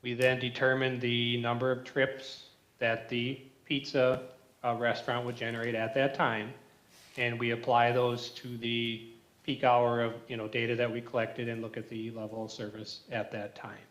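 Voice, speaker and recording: A man's voice: mid-range voice, level tone, normal speed, a bit bright. A man on a clipped, breaking-up remote call line, giving matter-of-fact technical answers as a traffic consultant. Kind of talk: remote testimony at a public meeting. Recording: echoey remote call audio.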